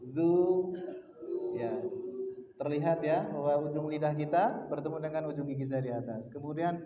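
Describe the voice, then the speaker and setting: Indonesian man, Quran teacher, higher mellow voice, distant in a reverberant hall. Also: steady tone, brisk. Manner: patient, drills sounds aloud for students to repeat. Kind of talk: mosque class lesson. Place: mosque hall. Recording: echoey mosque hall, distant dull sound.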